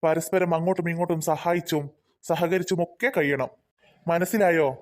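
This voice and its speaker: A man doing a gentle, preachy cartoon dad. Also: fairly high pitch, fairly even intonation, moderate pace, close to an everyday voice. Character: kind, moralizing cartoon father. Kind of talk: cartoon voice acting.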